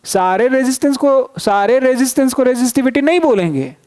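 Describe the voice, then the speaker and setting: A brisk, animated male teacher with a very high, slightly mellow voice runs through physics material. Each idea gets repeated, and he coaxes the room with rhetorical questions to confirm they're following.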